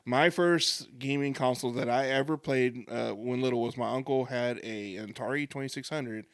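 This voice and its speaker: Man, forties, gravelly voice, podcast co-host, casual storytelling. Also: medium pitch, normal speed, fairly bright tone, no echo, studio quality. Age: 40s. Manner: rambling, nostalgic storyteller. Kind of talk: casual chat.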